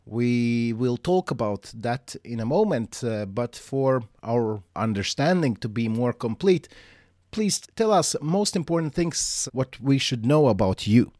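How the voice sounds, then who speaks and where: A man's voice: mid-range voice, lively intonation, measured pace, darkish tone, no echo, clean studio sound. A man hosting an interview, asking brief, polite questions. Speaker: interview host.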